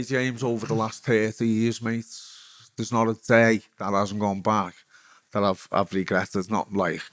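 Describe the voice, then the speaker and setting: A middle-aged man with a Liverpool accent, a former footballer telling his own story bluntly in an interview, with heavy swearing and halting restarts. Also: lowish voice. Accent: Liverpool Scouse. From England. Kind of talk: candid personal storytelling.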